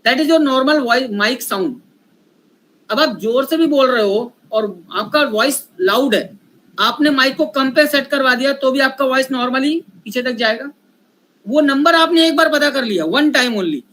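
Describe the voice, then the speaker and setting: Slow-talking high-voiced workshop trainer. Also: male voice, fairly bright tone, poor audio. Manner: unhurried, mixes Hindi and English, asks the audience questions. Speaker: public speaking trainer. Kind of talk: live workshop lecture.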